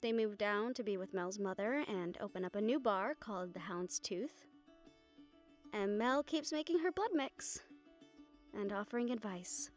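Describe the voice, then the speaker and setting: Playing a writer, a woman fondly and wistfully recounts how her characters' stories end, in an intimate audio roleplay style. Her mid-range voice has lively intonation and a natural quality, running a little slow. Background music plays behind her.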